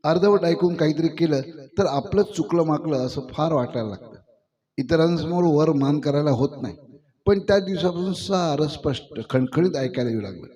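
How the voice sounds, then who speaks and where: A male reader voicing a bold, self-assured young village woman who speaks with confident, teasing ease, in a slightly high, mellow voice. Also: natural voice.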